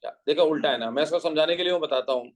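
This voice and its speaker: A man's voice: a little high, rapid-fire, poor audio. A male teacher giving a classroom physics lecture, explaining patiently, asking rhetorical questions and mixing Hindi with English terms.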